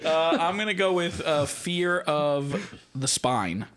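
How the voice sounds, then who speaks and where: A man's voice: on the high side, lively intonation, slow pace, a bit bright, a little hiss or hum. A man co-hosting a casual podcast, teasing his friends with crude banter. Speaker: podcast co-host. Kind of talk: casual joking chat.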